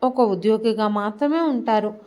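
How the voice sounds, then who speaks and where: A woman voicing a wronged wife who speaks calmly and firmly. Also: a little high, moderate pace, lightly acted. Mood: steady, stern. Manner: calm, steady, quietly stern. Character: wronged wife, now composed and firm.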